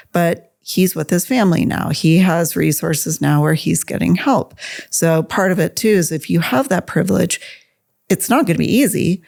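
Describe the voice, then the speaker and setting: A woman's gravelly, fry-edged voice carries an earnest, conversational tone. She talks plainly and directly, as a guest in an interview. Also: lowish voice, a little mellow.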